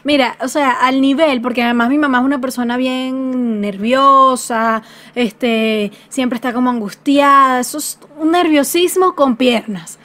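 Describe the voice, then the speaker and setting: Woman, Venezuelan accent, young adult, high voice, playful teasing, casual podcast chat. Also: measured pace, a bit bright. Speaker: podcast co-host.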